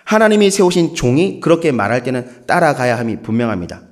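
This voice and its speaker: A Korean man with a Gyeongsang accent preaches with a very animated, swooping voice. He is playful and breaks into short acted quotes, his pitch sitting in a middle range for a man. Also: quick pace. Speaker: pastor. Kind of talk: sermon.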